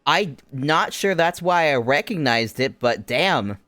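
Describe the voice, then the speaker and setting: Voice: medium pitch, expressive, a little slow, fairly bright tone, dry recording. Playful game streamer, dry close sound. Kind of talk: casual commentary while playing a game, reading dialogue aloud.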